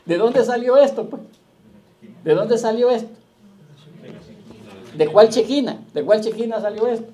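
A man pastor preaching a sermon, firing rhetorical questions at the congregation and slowing down to quote scripture. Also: high-pitched, dark tone.

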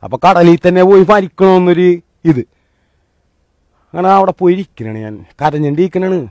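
A man giving a motivational talk, telling a personal story in a colloquial, animated way that swings between loud and hushed. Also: high-pitched, fairly quick, no room sound, highs cut off. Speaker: motivational speaker.

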